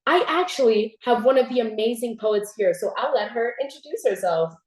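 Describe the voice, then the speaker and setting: A teenage girl hosting a casual interview, telling stories in an animated way and laughing often. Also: a little high, moderate pace, reverberant. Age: teens. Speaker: host. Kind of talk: casual chat.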